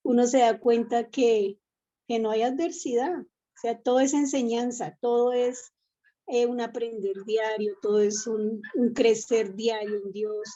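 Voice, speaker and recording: A woman's voice: on the high side, fairly even intonation, unhurried, mellow, highs cut off. A woman from the congregation giving a casual testimony, chatty and laughing between thoughts. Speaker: congregation member. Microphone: online meeting.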